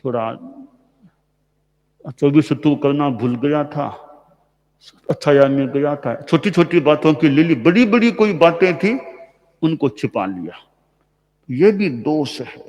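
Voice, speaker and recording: A man delivering a sermon as a spiritual teacher, explaining point by point in a measured way and acting out short quoted examples. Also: fairly high pitch, a little mellow, long reverb tail.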